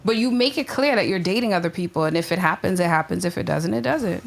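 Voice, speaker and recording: A woman's voice: lowish voice, animated, fast talker, vocal fry. A woman hosting a casual panel chat, putting questions and explaining things plainly. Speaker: talk show host.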